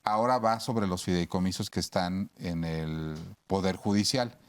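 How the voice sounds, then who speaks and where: A man with a low, clean voice speaks at a moderate pace in a Mexican Spanish accent. Hosting a radio talk show, he explains things at length using homely examples, with lots of fillers and restarts.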